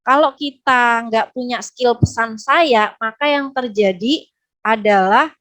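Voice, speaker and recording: A woman giving a lively talk to parents in a webinar, often acting out how children and parents speak. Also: on the high side, slow. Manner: lively, acts out child and parent voices in quotes. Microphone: close mic, online webinar.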